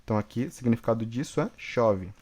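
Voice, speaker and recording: A man from Brazil teaching an English lesson, patiently repeating each example slowly and checking in with the class. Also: mid-range voice, a little mellow.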